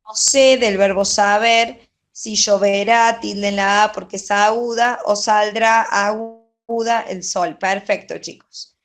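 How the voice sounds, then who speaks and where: A woman's voice: medium pitch, fairly even intonation, slow. A woman teaching a grammar lesson, going over exercise answers patiently and often checking in with "¿sí?". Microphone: online class.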